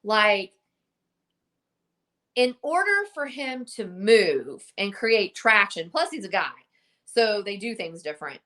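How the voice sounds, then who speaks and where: A woman's voice: mid-range voice, very animated, slow pace, pauses often, pushed and bright. A woman talking casually to her camera as a psychic wellness vlogger, rambling and chatty with lots of "like" and "right?". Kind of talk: casual unscripted monologue to camera. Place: indoors in front of a camera and ring light.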